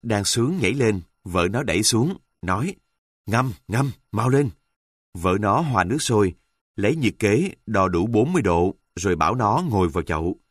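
A man telling an earthy, humorous first-person story with a wry, deadpan delivery. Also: lowish voice, fairly quick, husky, dry recording, studio quality.

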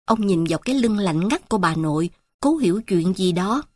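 A woman narrating a literary story in a slow, measured, reflective way. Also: medium pitch, expressive, darkish tone, husky, no room sound, clean studio sound.

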